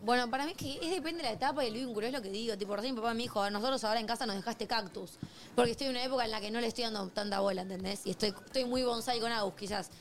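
A woman's voice: fairly high pitch, racing, slight background noise. A young woman with an Argentine accent, co-hosting a casual chat and speaking in an emphatic, teasing way. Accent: Argentine Spanish. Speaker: podcast co-host.

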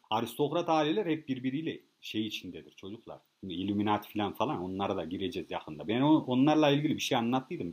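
A man telling a rambling, boastful comic story straight to his listeners, swearing freely and repeating himself as he goes. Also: mid-range voice. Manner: boastful, profane, rambling, addresses listeners as kids. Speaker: comedic monologue host. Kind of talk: casual rambling comic rant.

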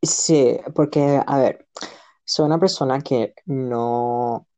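Man, podcast guest, slow unhurried talk, mellow tone, joking, muffled lo-fi sound. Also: mid-range voice. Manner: laid-back and joking. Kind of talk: casual interview chat.

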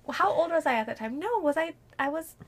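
A woman in her thirties telling a story in casual chat, animated, swearing freely and often breaking into laughter. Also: sits high, fast, background noise. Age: 30s. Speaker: friend recounting her engagement.

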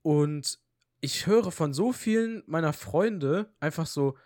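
Young male podcast co-host, higher-pitched, animated slangy storyteller, dry close sound. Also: slow pace, dry recording. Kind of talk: casual chat.

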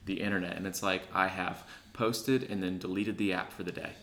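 A man's voice: sits low, fairly even intonation, moderate pace, fairly bright tone. A man co-hosting a podcast, talking earnestly and reflectively in casual chat, often checking in with his listener. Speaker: podcast co-host.

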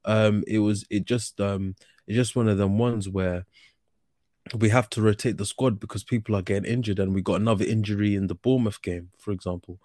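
A man's voice: lowish voice, fairly even intonation, brisk, mellow, dry recording, clean studio sound. A young man with a slangy London roadman accent, hosting a casual football chat. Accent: London, urban street slang. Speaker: host of a football discussion show.

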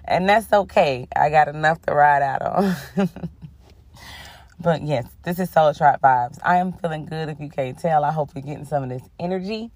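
Low-voiced woman hosting a podcast, under the weather. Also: normal speed, dry recording. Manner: warm-toned, affirming, sprinkles in "okay?" and "honey". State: under the weather, voice a bit rough. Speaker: podcast host. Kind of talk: casual spiritual podcast chat.

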